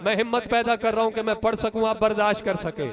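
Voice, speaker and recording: Very high-voiced man preaching to mourners. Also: fairly even intonation, fast talker. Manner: emotional, declamatory, addresses the mourners directly. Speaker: religious orator at a mourning gathering. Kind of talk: impassioned mourning sermon recitation. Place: mourning assembly hall. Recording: crowd of mourners audible behind. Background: crowd noise.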